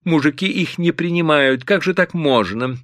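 A man voicing a gentle mother who pleads softly with her husband. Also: fairly high pitch, normal speed, no room sound, clean studio sound, voice pushed up, lightly acted. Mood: pleading. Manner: soft, pleading.

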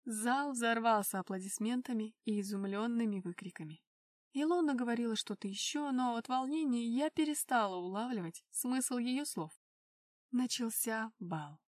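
A woman narrating a first-person audiobook with an even, expressive delivery. Her voice sits a little high and is recorded close and dry. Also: moderate pace, no echo, recorded from a distance.

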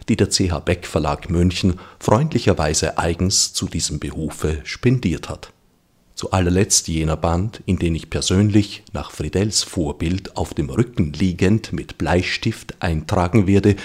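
A man hosting a radio reading series, speaking in a formal, measured, scripted way. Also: low voice, breathy edge. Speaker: radio host.

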